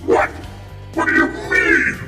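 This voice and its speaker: A streamer playing a platform game through a voice changer that makes the voice very deep, joking and mocking their own playing in casual commentary. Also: takes it slowly. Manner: goofy and self-mocking. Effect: voice changer pitching the voice very deep. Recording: echoey and distant, game music behind. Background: game music.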